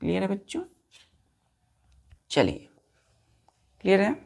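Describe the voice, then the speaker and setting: A woman's voice: mid-range voice, wildly swooping pitch, takes it slowly, creaky, a little mellow. A woman teaching English vocabulary as a classroom-style lesson, spelling words letter by letter and quizzing her pupils. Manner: addresses listeners as children.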